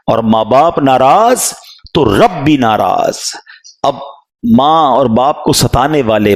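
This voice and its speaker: A man preaching a sermon in an impassioned, pleading way, telling a dramatic story. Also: mid-range voice.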